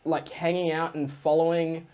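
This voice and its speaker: A young New Zealand man with a New Zealand accent co-hosts a casual podcast, rambling through stories and saying "like" a lot. His voice is fairly high, flat, smooth and warm, at a moderate pace.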